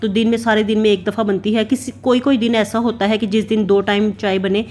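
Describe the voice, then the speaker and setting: A woman's voice: mid-range voice, fairly even intonation, fairly quick, a little mellow, soft background music. A woman in her thirties from Pakistan, chatting through a casual voice-over for her home cooking and routine vlog. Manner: chatty, rambling, heavy use of filler "na". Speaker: vlogger mother. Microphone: voice-over recorded separately.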